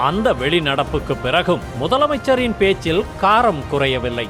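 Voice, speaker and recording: A man's voice: on the high side, sing-song, normal speed. Man reading news over music. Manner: formal reading with music underneath. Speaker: news narrator. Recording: studio voice-over with music bed.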